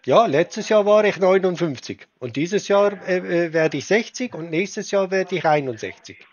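A man in a prank phone call, talking slowly and pedantically while pretending to be confused. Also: sits high, expressive. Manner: slow, pedantic, feigning confusion. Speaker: prank caller baiting a scammer.

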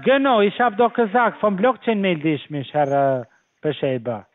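A man on a phone scam call, talking haltingly with many fillers and broken grammar. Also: sits high. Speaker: phone scammer. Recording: tinny phone line.

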